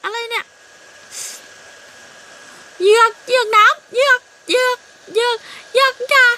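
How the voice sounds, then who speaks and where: A woman's voice: high voice, animated, moderate pace, background noise. A woman voicing an eager young male crow who coaxes his little sister and yelps when things go wrong. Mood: panicked. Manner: coaxing, then yelping in panic.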